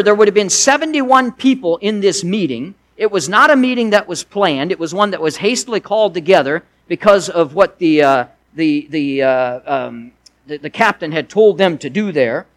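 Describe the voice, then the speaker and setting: A man delivers a sermon in a relaxed teaching manner. His voice sits high, and he talks it through with frequent restarts and asides. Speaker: preacher.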